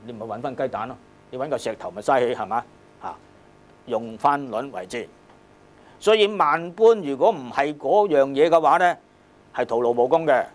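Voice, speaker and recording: A medium-pitched man with a Hong Kong Cantonese accent lectures on a classical text. His delivery is colloquial and emphatic, repeating phrases and checking in with rhetorical questions.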